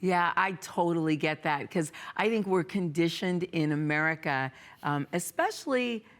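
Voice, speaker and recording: A woman's voice: lowish voice, animated, moderate pace. A woman hosting an interview, musing aloud and searching for words as she asks questions. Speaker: host. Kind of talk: conversational interview.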